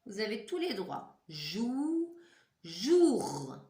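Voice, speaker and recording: A woman teacher slowly dictating words syllable by syllable to young children, encouraging and patient. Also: medium pitch, big pitch swings, a bit bright, reverberant. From France. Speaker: primary school teacher.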